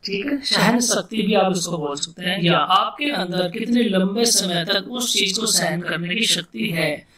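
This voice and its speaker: A man with an Indian accent teaching English vocabulary in a casual classroom style, repeating words slowly and asking himself questions as he explains. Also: high voice, animated, a loud crowd. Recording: echoey room, distant mic.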